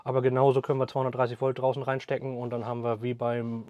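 Fast-talking man showing a camper. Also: medium pitch, completely flat delivery, no echo, dull audio. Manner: fast, trailing off at sentence ends, frequent tag "ne?". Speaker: cabin builder presenting his product. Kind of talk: explaining a product in an interview. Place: inside a small pickup camper cabin.

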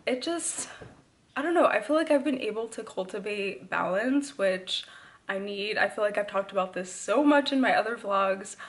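A woman's voice: mid-range voice, fairly bright tone. A young woman vlogging casually about her weekend, talking with a slight lisp from her retainer. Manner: chatty, says y'all and like often. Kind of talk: casual vlog chat.

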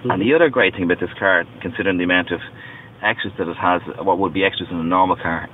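A man's voice: sits low, fast talker. A man in his thirties, inside a parked car, patiently explaining car features step by step, recorded from some distance on a tinny, lo-fi device. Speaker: car company representative. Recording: distant, tinny, lo-fi with faint noise.

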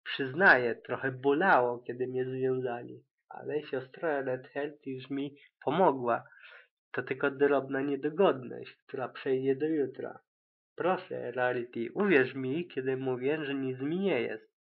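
A patient, bookish young unicorn mare who reassures a fussing friend with mild weariness, read by a man in his own voice. The pitch is ordinary and middling. The audio is narrow and tinny, like a phone call. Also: fairly even intonation, unhurried. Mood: reassuring. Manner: patient, reassuring, slightly weary. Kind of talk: amateur audiobook reading.

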